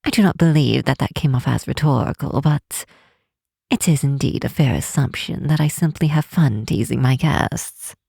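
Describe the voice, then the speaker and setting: In a fantasy ASMR roleplay, a woman plays a teasing, curious half-elf tower mistress, speaking softly and close in a heavily acted, dark, husky bass voice with a creaky edge. Her wording is formal and old-fashioned, her manner unhurried and playful, and the recording is dry.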